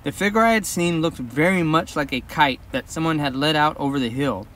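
Male audiobook narrator, slightly high. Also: recorded from a distance. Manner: measured, steady first-person storytelling. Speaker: audiobook reader.

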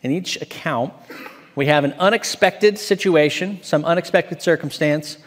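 Man, 40s, associate pastor, measured scripture reading and sermon, church hall reverb. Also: a little high. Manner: measured, reads aloud slowly from an open Bible. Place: church stage, large indoor hall.

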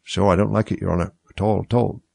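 A man's voice: sits low, fairly even intonation, fast, creaky, a little mellow, no echo, heavily acted. A man voicing a humble, dim male animal servant, deferential and plodding, in a storybook. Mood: servile, reluctant. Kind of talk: storybook character voice.

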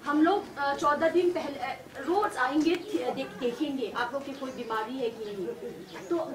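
A woman health worker questioning a household on a home visit, talking briskly through a face mask. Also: high voice. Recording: echoey, distant mic, crowd behind.

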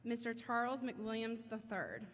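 A woman school principal giving a formal ceremony address at a podium, reading names in a measured way. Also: on the high side, fairly bright tone, slight background noise. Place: large school gymnasium. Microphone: podium microphone through hall speakers. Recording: echoey gym from far off.

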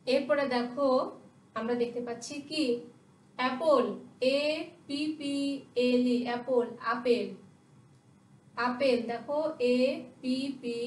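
A woman teaching a primary class, spelling English words letter by letter and asking her pupils questions she answers herself. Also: high voice. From Bangladesh. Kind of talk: recorded classroom lesson. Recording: echoey room, voice from a distance.

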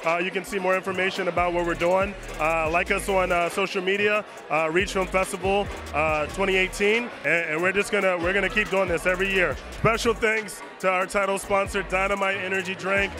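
An upbeat man thanks everyone for coming to his film festival. His voice is high. Music plays clearly around him. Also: steady tone, fairly quick, hardly any pauses. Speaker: festival organizer. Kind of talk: red carpet interview. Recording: music playing behind.

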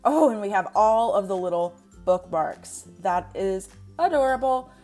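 A woman's voice: medium pitch, animated, unhurried, mellow, faint music behind. A young woman vlogging at home, chatting casually through a product review with lots of fillers. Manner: chatty, rambling with many fillers. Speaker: planner vlogger. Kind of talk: casual screen-share review. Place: indoors at home.

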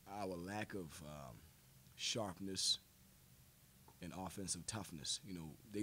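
A man in his forties, a head coach answering questions at a post-game press conference, measured and full of fillers and repeated words, speaking into a table mic in a press room. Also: sits low, a little hiss or hum. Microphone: table mic on stand.

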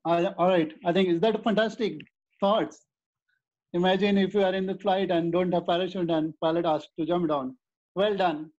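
A man's voice: high-pitched, steady tone, moderate pace, a little mellow. A man with an Indian accent, casually moderating an online meeting. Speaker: table topics master. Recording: muffled video call audio.

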